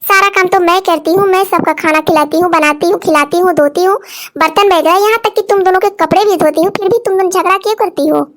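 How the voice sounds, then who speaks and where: A woman's voice: very high voice, quick pace. A woman voicing a weary cartoon mother who scolds her two quarrelling daughters. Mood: pleading. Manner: weary, pleading. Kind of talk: cartoon voice acting.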